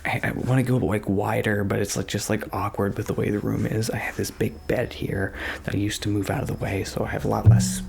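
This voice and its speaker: A man doing casual ASMR, rambling and thinking aloud in a hushed, often whispered voice, close to a microphone in a small home studio. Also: on the low side, level tone, a little fast, few pauses. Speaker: ASMR video creator. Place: small home studio bedroom with acoustic panels. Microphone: stereo XLR microphone, close up. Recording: clear background noise, clicks.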